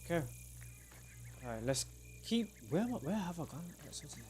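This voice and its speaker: A man's voice: fairly high pitch, big pitch swings, a little fast, darkish tone. A man, chatting casually with viewers on a live game stream and laughing often. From England. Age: 30s. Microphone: desk microphone.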